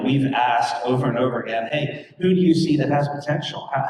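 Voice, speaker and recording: A man's voice: medium pitch, a little mellow, a little hiss or hum. A man speaking in an echoey hall. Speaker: group ministry leader hosting. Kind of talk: casual church meeting talk. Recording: echoey room from a distant mic.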